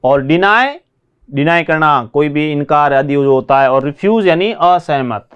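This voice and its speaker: Man teaching a vocabulary lesson, fairly high voice, smooth and clear, repeats word pairs slowly. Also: lively intonation, dull audio. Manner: repeats word pairs slowly, switches between English and Hindi. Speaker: English teacher.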